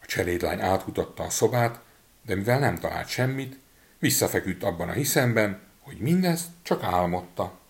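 A man reading a fairy tale aloud as storyteller, expressive and lively, switching voices for the figures. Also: on the low side, creaky.

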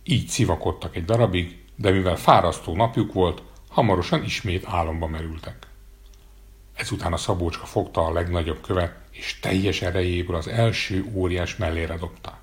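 A man calmly narrating a fairy tale aloud. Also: low voice.

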